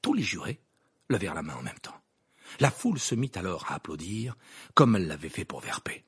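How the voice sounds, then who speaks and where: A man narrating an audiobook in an expressive, dramatic reading style with a gravelly, husky voice. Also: deep voice, fairly quick, no room sound, clean studio sound. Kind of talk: scripted narration.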